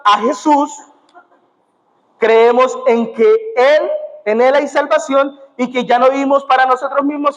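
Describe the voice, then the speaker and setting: A young man with a Colombian accent preaching a sermon in church, often adding "amén" and "gloria a Dios". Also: very high-pitched. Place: church sanctuary. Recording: dull muffled sound in a reverberant church.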